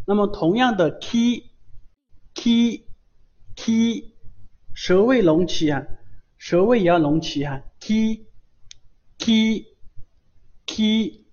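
A man's voice: sits high, a little mellow. A man teaching Japanese syllables in a live online lesson, patiently repeating each sound over and over. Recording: dull lo-fi stream audio.

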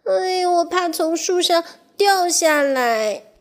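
A woman doing a squeaky timid little mouse. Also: slow. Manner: squeaky, hesitant, high-pitched. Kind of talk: children's storybook reading.

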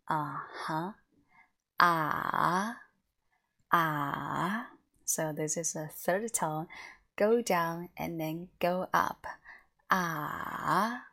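A woman teaching a Mandarin lesson, with a slightly low voice. She speaks very slowly and deliberately and models each tone with care. Her delivery is measured and patient, and she pauses often between phrases. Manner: slow, careful demonstration of tones. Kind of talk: language lesson.

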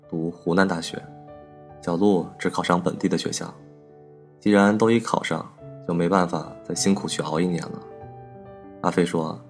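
A man narrating a personal story as a podcast host, in a calm, measured and wistful manner. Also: deep voice.

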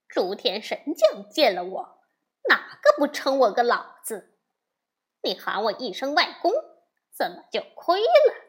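A woman doing a cocky, teasing monkey hero. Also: fairly high pitch.

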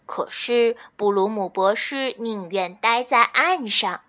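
A woman reading a children's storybook aloud, expressive and measured. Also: on the high side. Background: faint children's music.

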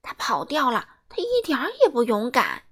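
A mischievous young gossip from a storybook, played by a woman reading aloud calls out fast and loud to draw a crowd. Her voice is very high and bounces up and down. She sounds teasing. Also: huge pitch swings, breathy edge, exaggerated voice.

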